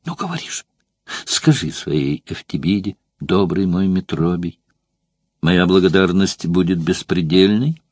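A man voicing a hushed, jealous Greek courtesan. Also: deep voice, lively intonation, measured pace, breathy edge, dry recording, studio quality, pitched below the performer's own voice, full character voice. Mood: coaxing. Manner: hushed, pleading and intense. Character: passionate young Greek courtesan woman, coaxing and jealous. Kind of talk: audiobook character voicing.

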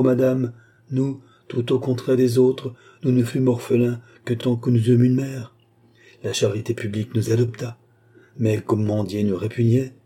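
A plaintive young noblewoman of fallen birth recounts her childhood, read by a man. The tone is very dark and mellow, with a husky grain, grave and earnest in an audiobook telling. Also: medium pitch, lightly acted. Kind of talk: audiobook reading.

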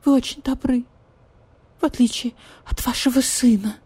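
A pampered Persian cat lady who whines and begs in a thin, squeaky voice. She is capricious and demanding, and her pitch sits far above the narrator's own. It is told as a storybook audiobook. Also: fairly even intonation, moderate pace, mellow, slightly rough. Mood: whiny. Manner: whiny, squeaky and pleading.

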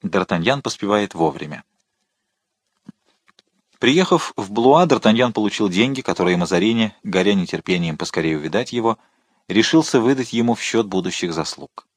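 Expressive low-voiced male audiobook narrator. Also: moderate pace, no room sound, studio quality. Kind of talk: scripted narration of a novel.

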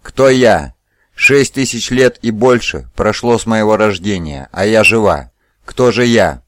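A proud, passionate ancient young woman, as a male storyteller puts her on, pitched somewhat above a low voice and pushing the level up in commanding outbursts. The audiobook sound is close and dry, with no room around it. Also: animated, a little slow, dry recording. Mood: anguished.

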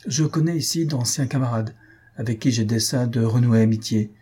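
A man's voice: medium pitch, normal speed, dark tone, husky, close to an everyday voice. A man reading aloud and voicing a nervous young male student who speaks in a stiffly ceremonious way.

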